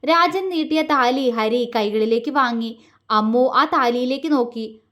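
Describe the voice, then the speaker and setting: A woman storyteller reading romantic story narration in a calm, heartfelt way. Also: fairly high pitch, unhurried. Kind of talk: scripted narration.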